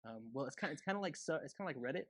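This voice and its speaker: A man's voice: a little high, lively intonation, very fast, dry recording. A man in his twenties co-hosting a casual podcast, sarcastic and teasing. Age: 20s. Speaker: podcast co-host. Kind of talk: casual chat.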